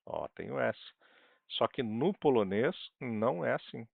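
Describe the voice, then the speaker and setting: A Brazilian man with a Brazilian Portuguese accent teaching a language online, patiently repeating words slowly and stressing syllables. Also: medium pitch, animated, gravelly, no echo, phone-quality sound.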